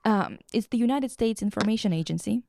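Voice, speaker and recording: A woman podcast host chats casually, recapping and reading things aloud in a slangy, sweary, irreverent way. She speaks briskly in a mid-range voice that is gravelly and darkish.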